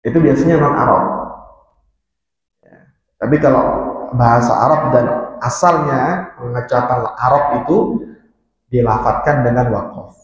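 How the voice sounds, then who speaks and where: A man teaching a mosque study class on Arabic grammar. He explains patiently, repeats key terms and chants verses slowly. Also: medium pitch. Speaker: religious teacher. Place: mosque hall. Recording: echoey mosque hall, dull lo-fi sound.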